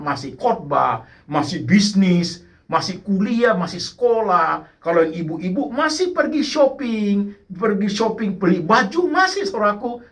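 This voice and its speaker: A man's voice: high voice, fairly bright tone. A man preaching a sermon, repeating phrases and calling out to the congregation, sliding now and then into English words. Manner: mixes English words into his speech. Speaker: pastor.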